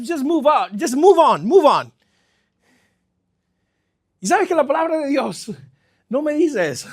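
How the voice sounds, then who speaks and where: Male pastor, middle-aged, very high voice; lively sermon delivery with sharp shifts in volume, some English phrases mixed in. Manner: lively preaching, swings between loud exclamations and quiet stretches; mixes English phrases into his speech. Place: church.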